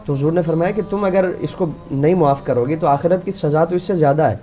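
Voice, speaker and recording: Earnest male religious scholar, mellow voice. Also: a little high, faint music behind. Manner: storytelling, quoting figures in his own voice, earnest. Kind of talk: religious talk on a call-in show.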